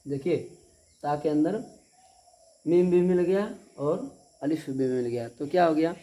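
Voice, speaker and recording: Teaching Quran reading with a dark voice that sits on the high side, this man moves methodically through the lesson. He repeats himself patiently, often asks whether the students follow, and lengthens syllables slowly to show how they're read.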